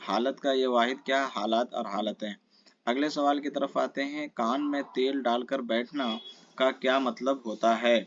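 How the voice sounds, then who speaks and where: A man's voice: mid-range voice, fairly even intonation, lo-fi sound. A man teaching a grammar lesson for exam prep. He reads out quiz questions, answers them himself and keeps checking in with his listeners.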